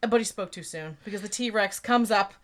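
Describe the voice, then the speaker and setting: A woman's voice: mid-range voice, normal speed. A woman co-hosting a podcast, recapping a film with snarky jokes and asides. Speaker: podcast co-host. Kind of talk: casual movie recap chat.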